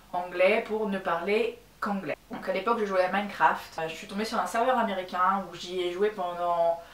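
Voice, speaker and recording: A French YouTuber in her twenties chats candidly in a casual vlog, full of fillers and restarts. Her mid-range voice is recorded from a distance, a bit off-mic, with roomy echo and faint background noise.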